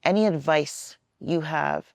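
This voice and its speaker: A woman's voice: low-pitched, a little slow, slight background noise. A woman moderating a roundtable discussion, asking the panel questions and affirming their answers.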